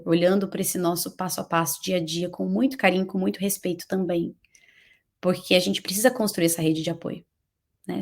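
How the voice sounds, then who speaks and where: A woman in her thirties with a Brazilian Portuguese accent, a parenting educator hosting a live stream who speaks earnestly and repeats phrases for emphasis. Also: mid-range voice. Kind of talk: heartfelt live-stream talk with course pitch.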